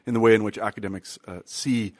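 A man's voice: lowish voice, steady tone, fast, darkish tone, no echo. A man interviewing a historian, asking questions in a hesitant way as he searches for his phrasing.

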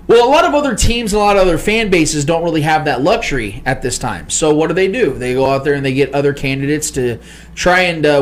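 A man hosting a sports comedy podcast, talking in a hyped, emphatic fan manner. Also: a little high. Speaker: podcast host.

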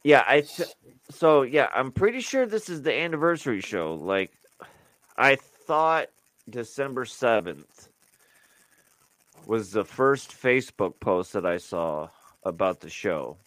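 Speaking slowly in a sing-song way, this podcast co-host rambles through casual chat full of fillers and false starts. His voice is medium in pitch, a bit bright, and free of echo.

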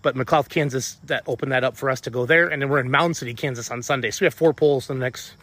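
A man's voice: mid-range voice, quick pace, a bit bright, no room sound. A man, out of breath, giving a rambling, upbeat casual update and often correcting himself. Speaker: tractor pulling team owner.

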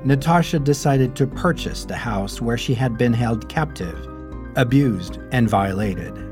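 A man narrates a true story in a measured, dramatic way, his voice sitting at an ordinary middle pitch. Faint music plays quietly underneath his scripted telling. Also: animated. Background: faint background music.

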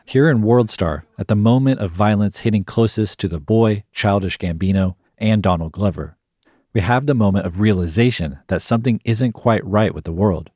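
A man hosting a podcast, narrating a scripted analysis in a measured, explanatory way. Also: on the low side, darkish tone, dry recording, studio quality. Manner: measured, explanatory, reads quotes aloud. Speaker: podcast host.

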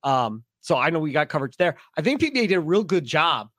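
A man's voice: a little high, quick pace, dry recording, studio quality. A man from Milwaukee, co-hosting a bowling podcast in a casual, opinionated way and acting out quotes. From Milwaukee, USA. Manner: animated, opinionated, acts out quotes. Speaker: podcast co-host. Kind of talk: casual chat.

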